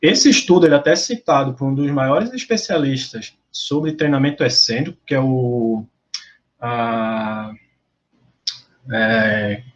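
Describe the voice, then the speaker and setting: A man's voice: medium pitch, unhurried, dull audio. Man with a Brazilian accent lecturing. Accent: Brazilian Portuguese. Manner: explanatory, frequent fillers and self-corrections. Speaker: lab meeting presenter. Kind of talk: academic lecture with discussion.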